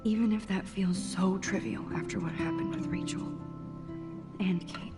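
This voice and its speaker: An actress playing a shy young woman photographer, speaking her thoughts softly in a game, half-whispered. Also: mid-range voice, fairly even intonation, normal speed, natural voice. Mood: reflective. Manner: soft, half-whispered musing. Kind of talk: game inner monologue. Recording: game audio with music behind.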